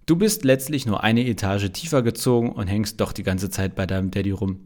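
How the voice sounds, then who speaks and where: A man voicing Martin, a cheeky, laid-back male flatmate with an amused way of talking. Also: on the low side, brisk, close to an everyday voice.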